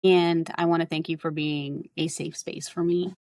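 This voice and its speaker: Young woman podcast co-host, casual rambling chat, fairly low voice, dry close sound. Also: level tone, normal speed, a little mellow, no echo. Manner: candid, swears freely, rambling storytelling.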